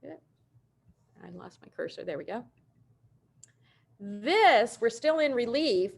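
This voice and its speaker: A middle-aged woman printmaker giving a virtual presentation over a video call, explaining prints with warm enthusiasm and casual asides. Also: fairly high pitch, very animated, takes it slowly, creaky. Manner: informal asides and self-corrections. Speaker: printmaker presenting artists' work.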